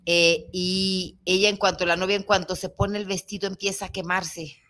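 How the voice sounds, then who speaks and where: A woman retelling an old tale in a casual, animated, joking way, full of asides and restarts. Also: on the low side, normal speed. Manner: animated, colloquial, jokey, with frequent restarts and asides. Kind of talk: casual storytelling chat.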